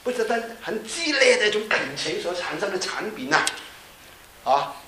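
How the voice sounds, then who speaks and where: His voice sits high, swings widely in pitch, and has a sharp tone as this middle-aged pastor preaches at a moderate pace. He keeps checking in with listeners using tag questions and fillers, in an echoey room with faint hiss.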